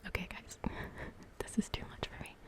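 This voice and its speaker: Giggly whispering woman playing a game. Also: unhurried. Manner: soft, giggly, chatty whisper, reacting to a game. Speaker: ASMR creator. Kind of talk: whispered role-play.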